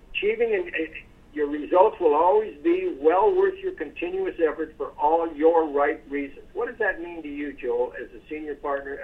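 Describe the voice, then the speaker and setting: A man hosting a sales conference call, praising his team effusively and giving a motivational talk. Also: on the high side. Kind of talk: casual motivational speech. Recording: tinny phone line.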